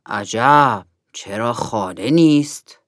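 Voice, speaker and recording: A woman voicing a large, kind golden eagle in a storybook, speaking low, slow and reassuring. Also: expressive, no room sound, clean studio sound. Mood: puzzled. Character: big kind protective golden eagle, calm.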